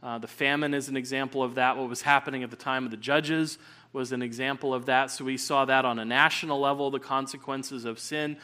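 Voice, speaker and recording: An earnest male pastor preaching at a pulpit microphone in a church sanctuary. He leads prayer and reads scripture at a measured pace, filling pauses with an occasional "uh" as he sets up his text. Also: medium pitch, steady tone, bright, forceful tone, clean tone. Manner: earnest, measured delivery with frequent "uh" fillers. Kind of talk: sermon with opening prayer and scripture reading.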